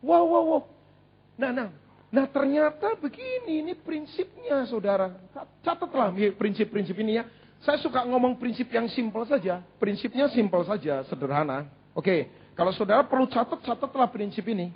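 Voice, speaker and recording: A man delivers a sermon in a high, husky voice. He preaches with animated repetition and a light touch of humor. The recording sounds dull and lo-fi. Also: normal speed. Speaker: pastor.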